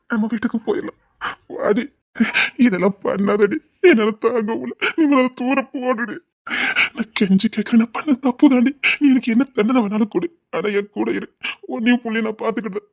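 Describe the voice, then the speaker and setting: A man with a Tirunelveli accent playing a remorseful young husband, pleading in a hushed, tearful voice. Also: extremely high pitch. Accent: Tirunelveli Tamil. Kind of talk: web drama acting.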